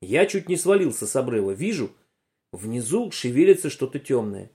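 A man narrating a children's story aloud in an expressive, animated way. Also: medium pitch, moderate pace.

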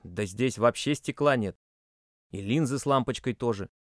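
A man's voice: medium pitch, moderate pace, no room sound, clean studio sound, natural voice. A man voicing a bossy boy who gives curt, demanding orders. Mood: brusque. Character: bossy commanding boy leader.

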